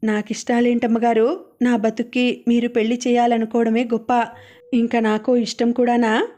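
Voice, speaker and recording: A woman's voice: on the high side, level tone, moderate pace, warm tone, close to an everyday voice. A woman voicing a timid, devoted young orphaned maid in a storybook reading, speaking meekly and pleadingly. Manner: pleading, meek.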